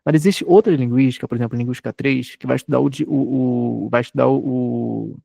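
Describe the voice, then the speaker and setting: A man's voice: medium pitch, fairly even intonation, brisk, creaky, dark tone, slightly rough, dry recording, studio quality. A Brazilian man in his thirties giving a recorded university lecture, talking conversationally and often checking in with tag questions. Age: 30s. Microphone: desk microphone.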